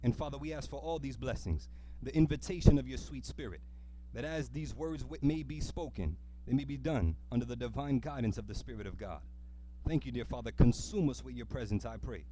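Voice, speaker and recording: Preaching live to a church congregation, a man with a mid-range, mellow voice speaks briskly, earnest and emphatic, repeating key phrases and prompting listeners with call-and-response questions. Slight background noise runs under a low-quality recording.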